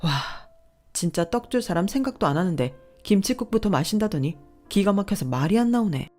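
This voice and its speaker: A woman voicing an angry wife who yells and hurls insults at her husband. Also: medium pitch, expressive, fairly quick, faint music behind, lightly acted. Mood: furious. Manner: yelling, scolding, sharp insults. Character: furious wife, adult woman, fed up.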